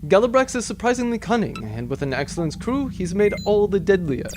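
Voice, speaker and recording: A man's voice: high-pitched, very animated, a little fast, over music. A man playing a boastful, roguish space captain in a sci-fi comedy audio drama, pompous, theatrical and wisecracking, on a noisy recording. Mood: scheming.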